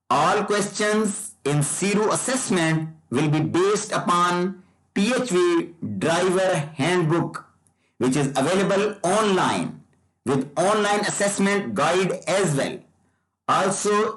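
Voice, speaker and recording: A man teaching as a licensing trainer, explaining rules slowly and repeating key points. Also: high-pitched, rough recording. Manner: slow, repetitive, deliberate explaining. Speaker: driver licensing trainer and tutor. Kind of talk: explanatory lesson presentation.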